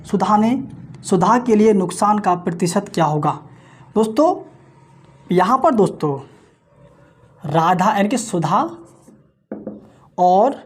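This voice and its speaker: A man gives an exam-focused maths lecture, quickly chanting multiplication as he calculates aloud and addressing viewers as friends almost constantly. He raises questions and answers them himself. The voice is high-pitched and breathy-edged, with lively intonation.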